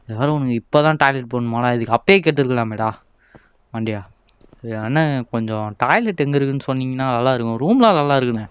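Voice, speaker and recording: A man's voice: lively intonation, fast, clean tone, no room sound. A young man, commenting on a horror game in a playful, exasperated way and voicing the game's characters. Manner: playful, exasperated, switches to shrill panic when scared. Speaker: gameplay commentator.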